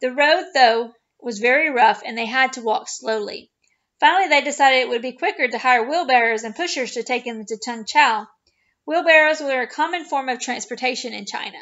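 A woman reading a chapter book aloud to children, with steady, expressive narration. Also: high-pitched, muffled recording. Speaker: children's ministry storyteller.

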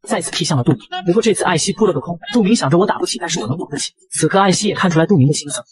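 A man narrating a manga recap in a brisk, breathless scripted delivery. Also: high voice, animated, a crowd in the background.

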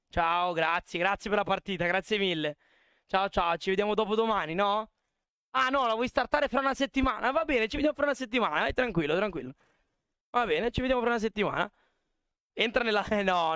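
A man's voice: sits high, fairly bright tone, clear, resonant tone, no echo, clean studio sound. A young man chatting casually with his live-stream audience at a desk mic, chatty and swearing freely. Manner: chatty, swears a lot, talks to chat.

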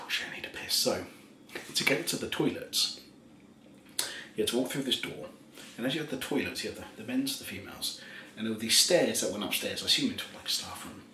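A tipsy man in his thirties telling a rambling ASMR story in a soft voice, chuckling often and slipping into half-whispers. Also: mid-range voice. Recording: roomy echo, faint background hiss.

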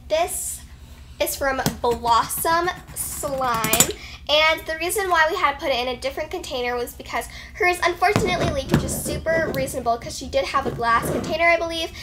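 A young teenage girl with a high voice talks at a normal speed, hosting a vlog in which she reviews slime to camera with chatty, gushing enthusiasm. She is indoors in a carpeted bedroom, with the camera a few feet away, and the room recording is slightly noisy with some clicks.

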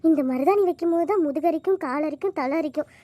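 A woman's voice: high-pitched, fast talker, mellow, no echo, studio quality, soft background music, natural voice. A woman voicing a fretful young wife who fidgets and dodges questions in a cartoon. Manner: fretful, evasive.

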